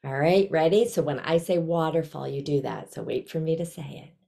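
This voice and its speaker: Low-pitched older woman teaching children. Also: fairly quick, vocal fry, mellow. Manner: simple, encouraging step-by-step instruction. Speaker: children's author teaching about emotions. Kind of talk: gentle lesson for children over video call. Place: small indoor room at home. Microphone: video call, computer mic at desk distance.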